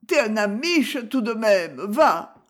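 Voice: mid-range voice, big pitch swings, slow, pitched above the performer's own voice. A reader putting on a slurring, stammering drunk man. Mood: pleading drunk.

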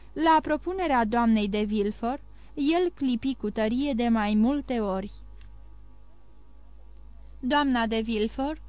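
A woman narrates a classic novel as an audiobook in a steady, measured way. Her voice is somewhat high, and the recording is dry and close. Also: no room sound. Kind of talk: scripted narration.

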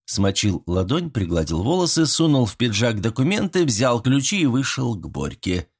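A man reading a first-person audiobook story, with expressive storytelling and dry wit. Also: medium pitch, moderate pace, husky. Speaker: audiobook narrator.

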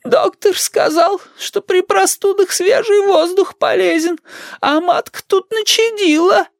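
A man's voice: very high-pitched, measured pace, creaky, no room sound, studio quality, pitched above the performer's own voice, full character voice. A man voicing a fretful, reproachful old grandmother who laments in a whiny sing-song. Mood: lamenting.

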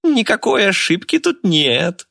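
A man's voice: very animated, moderate pace, fairly bright tone, breathy edge, heavily acted. A man voicing a brash green-skinned alien female thief who gloats and mocks. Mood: gloating mockery. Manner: shrill, gloating.

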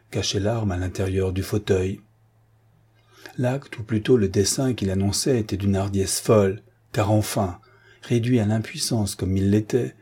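Male audiobook narrator, measured dramatic read, mellow low voice. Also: slightly rough. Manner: measured, dramatic literary reading. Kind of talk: scripted narration.

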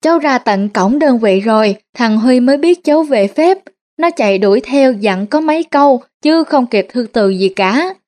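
A shifty male con man who wails, pleads and begs through tears, put on by a woman reading a story. The voice sits high and pushes hard. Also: animated, moderate pace, natural voice. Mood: hearty. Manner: whining, begging, wailing loudly.

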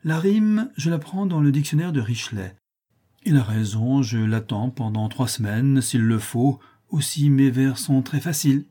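A man's voice: mid-range voice, unhurried, dark tone, husky. A man voicing a vain, pompous older count who admires his own verses. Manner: pompous, self-admiring, emphatic.

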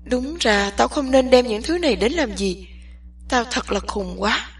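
A frantic young woman begs and pleads, her voice pitched high and pushed louder, with a husky breathiness, as a woman puts her on while reading. She sounds somewhat distant from the mic. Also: lively intonation, measured pace, heavily acted. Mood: pleading. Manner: urgent, pleading, agitated. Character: young woman, anxious, pleading best friend.

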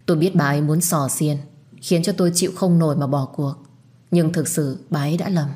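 A woman narrating a first-person audio story in a calm, measured way with a bitter undertone. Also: sits low.

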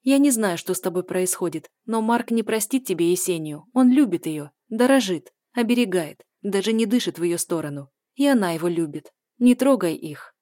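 A woman reader voicing a young woman, a younger sister, shouting and pleading in an audiobook. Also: lively intonation, moderate pace, few pauses, no echo, clean studio sound, lightly acted. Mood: earnest. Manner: shouting, shrill. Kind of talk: audiobook character voice.

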